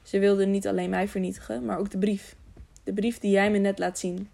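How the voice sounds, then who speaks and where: A woman reading the lines of a gravely wounded, proud masked knight who speaks in a weak whisper. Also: mid-range voice, little pitch movement, brisk, dark tone.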